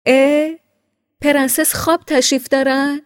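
A woman reading a story voices a bitter, irritated adult brother who scolds loudly and sharply, with long reverb on her voice. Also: a little high, lively intonation, clean studio sound, pitched above the performer's own voice, natural voice. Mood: exasperated scolding. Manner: loud, scolding, exasperated.

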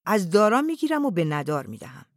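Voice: mid-range voice, sing-song, no echo, studio quality. A reader voicing a proud outlaw chief who declaims his stance with raised energy. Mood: defiant.

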